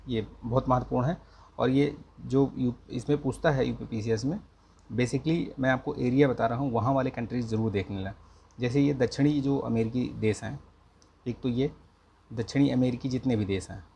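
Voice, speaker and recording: A man teaching an exam-prep lesson, speaking slowly and carefully and checking in with the listener again and again. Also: mid-range voice, gravelly, dark tone, husky. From India. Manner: slow, careful speech with repeated check-ins. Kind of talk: casual exam-prep lecture.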